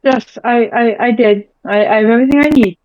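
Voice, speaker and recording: A woman's voice: on the high side, fairly quick, darkish tone, no room sound. A woman playing a tabletop game, casually role-playing and narrating, often hesitant and repeating words. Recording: dry, slightly dull microphone sound.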